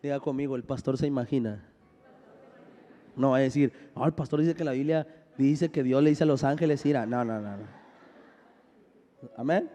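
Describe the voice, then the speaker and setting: A man's voice: medium pitch, normal speed, long pauses, mellow. A man pastor preaching a sermon, leading the congregation in call-and-response with joking asides, sounding a bit unwell. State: unwell, says he is sick. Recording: long hall reverb.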